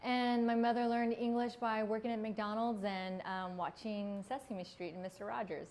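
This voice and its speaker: A woman's voice: a little high, steady tone, normal speed, a little mellow. A woman in her forties from Vietnam, a city council candidate talking earnestly in an interview, with plenty of ums. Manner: earnest, conversational, with frequent ums.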